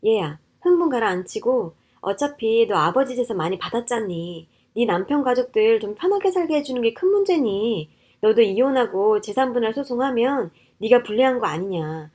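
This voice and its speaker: A woman's voice: fairly high pitch, very animated, moderate pace, hardly any pauses, darkish tone. A woman voicing a greedy, scheming older mother-in-law who talks down coaxingly, in a narrated storybook-style radio story. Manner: coaxing, condescending.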